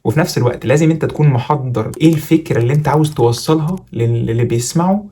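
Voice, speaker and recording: A man's voice: mid-range voice, mellow. A man with an Egyptian Arabic accent giving presentation tips in a casual, chatty, jokey tutorial vlog. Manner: rapid, chatty, jokey coaching.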